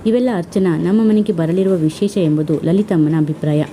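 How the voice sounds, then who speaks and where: A woman reads a story aloud at a steady pace. Her voice is low and warm-toned, with a faint hiss of noise behind it. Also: moderate pace. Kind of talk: scripted narration.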